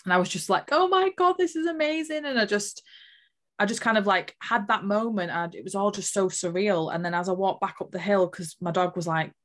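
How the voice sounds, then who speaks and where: A woman's voice: fairly low pitch, steady tone, fairly quick, a bit bright. Earnest woman telling a personal story. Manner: earnest, emotional, many fillers. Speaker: guest sharing a spiritual story.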